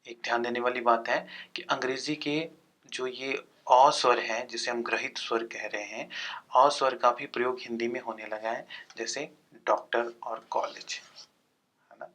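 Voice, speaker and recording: A man's voice: medium pitch, steady tone, moderate pace, a bit bright. A male teacher giving an exam-prep grammar lesson, sounding out letters one by one and answering his own questions.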